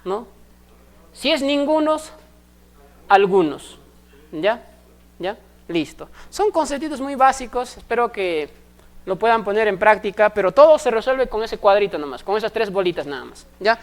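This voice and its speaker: A woman, teaching a recorded math class step by step and often pausing to ask if her students follow. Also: medium pitch, lively intonation. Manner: explains step by step, constantly checking in with short questions.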